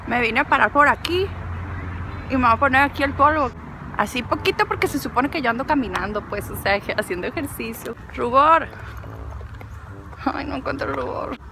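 Over a noisy background, a high-pitched woman with a Mexican accent vlogs as she walks through an outdoor park. Her talk is casual, playful and rambling, aimed at herself and the camera.

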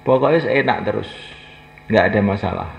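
At a gathering in a mosque, a man with a lowish, gravelly voice and an ordinary pace delivers a folksy, funny sermon. He acts out small dialogues and urges his listeners to get on their feet. The recording is lo-fi, with an echoey hall and faint noise.

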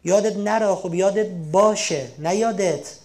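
High-voiced man giving a lively lesson. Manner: lively, acts out little quoted dialogues with big swings in pitch and loudness; conversational colloquial delivery with rhetorical questions. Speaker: self-help lecturer. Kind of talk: motivational lesson on a religious TV channel.

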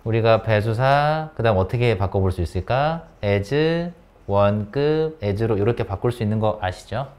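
A man's voice: lowish voice, measured pace. A man teaching an English grammar lesson in a classroom, asking his students question after question and calling on them by name, with English. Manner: lively, coaxing questions to students. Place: academy classroom.

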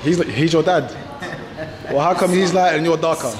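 A slightly high-voiced man from England chats at a moderate pace in a casual joking travel vlog, camera in hand at arm's length. The crowded cafe makes it very noisy, with a long reverb.

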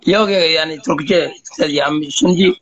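A young man with a Somali accent speaks in a fairly high voice. His Turkish is broken and halting, that of a foreign learner practising conversation over a phone video call. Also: a bit bright, slightly rough, highs cut off. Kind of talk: language practice chat. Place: curtained room, on a video call. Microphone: phone held close, video call.

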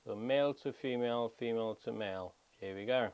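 A motorcycle vlogger in his thirties walks through a product hands-on, explaining each step in short, casual phrases. His voice is medium in pitch, a little quick, and darkish yet clean. He's filming in a small wooden shed or garage room.

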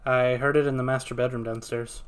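A man's voice: medium pitch, flat delivery, brisk, clean tone. Joking man chatting over gameplay. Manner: joking, talks to himself. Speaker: gaming streamer. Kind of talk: casual gameplay chat.

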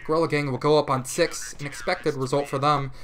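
A man casting a competitive shooter match alone, giving rapid play-by-play that jumps up in pitch and volume at big plays and corrects himself as he goes. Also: steady tone, a bit bright, slight background noise. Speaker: esports caster. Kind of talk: live esports play-by-play commentary.

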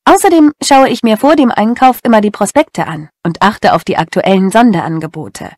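Woman acting as sensible shopper, self-assured, medium pitch, dry scripted monologue. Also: animated, moderate pace, a little mellow, dry recording. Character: sensible, quality-minded female shopper. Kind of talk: scripted first-person monologue.

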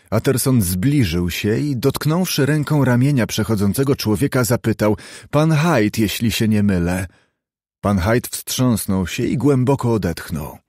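A man narrating a classic novel in an audiobook, reading at a measured, even pace. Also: on the low side, breathy edge, dry recording, clean studio sound. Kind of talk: scripted literary narration.

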